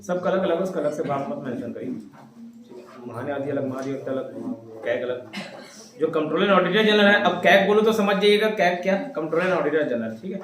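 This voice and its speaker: A male teacher dictating a lesson to his class, spelling out words slowly and telling students what to write down. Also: on the high side, expressive, recorded from a distance, noisy background. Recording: echoey room, voice from afar.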